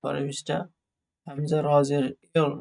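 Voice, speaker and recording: A man teaching Quran reading in an online class, slowly spelling out Arabic letters and vowel marks in Bengali with a Bangladeshi accent. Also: fairly high pitch, completely flat delivery, gravelly, a little mellow. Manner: slow, drawn-out recitation of letters and vowel marks.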